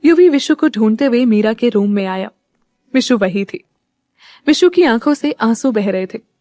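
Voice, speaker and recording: A woman narrating an audio story in a measured, scripted storytelling voice. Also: on the high side, lively intonation, dark tone, no echo, studio quality.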